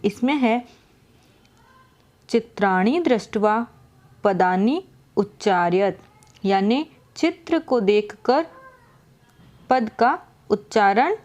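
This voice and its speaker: A woman teacher explaining a lesson slowly, asking questions and repeating each answer. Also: mid-range voice, a little mellow. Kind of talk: slow classroom explanation.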